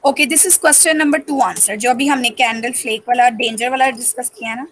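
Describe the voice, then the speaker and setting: A woman teaching a reading-comprehension class, switching between English and Hindi and alternating slow dictation with rapid explanation. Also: a little high, steady tone, fairly bright tone, poor audio. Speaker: school teacher. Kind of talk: online reading-comprehension lesson.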